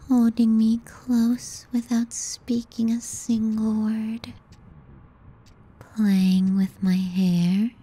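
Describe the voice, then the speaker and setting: Fond and teasing, a woman voices a clingy younger sister for an intimate ASMR roleplay, unhurried as she delivers sardonic, possessive jabs. Her medium-pitched voice is dark and soft, held close to the mic, breathily sinking toward a whisper.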